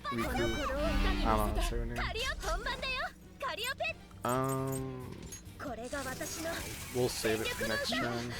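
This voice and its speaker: A man's voice: medium pitch, level tone, extremely slow, long pauses. A man giving casual, rambling, self-deprecating gameplay commentary as he plays, in the manner of a gaming video creator. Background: game music, mouse clicks.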